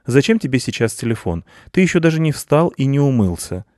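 A man's voice: medium pitch, very animated, brisk, a little mellow, no room sound, studio quality, pitched above the performer's own voice, close to an everyday voice. A man voicing a lazy, self-important male house cat who lectures in a storybook reading. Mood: lecturing. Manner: pompous and lecturing.

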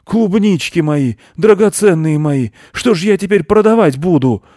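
Man doing a greedy shouty fat chairman. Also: high voice, animated, dry recording, studio quality, voice pushed up. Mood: wailing pleading. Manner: loud, shouting, drawn-out whining.

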